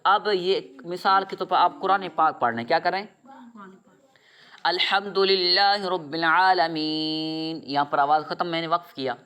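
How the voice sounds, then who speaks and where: A man's voice: fairly high pitch, few pauses, bright, forceful tone. Man drilling pupils with repeated questions. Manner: asks a question after each rule and repeats the answer. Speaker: Quran reading teacher. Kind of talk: drilling lesson with call-and-response questions.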